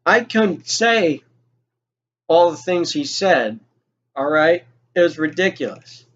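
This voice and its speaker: Taking his time, a young man with a fairly high, animated voice tells an informal story about himself, swearing, exasperated, and playing out what people said. The audio is dull.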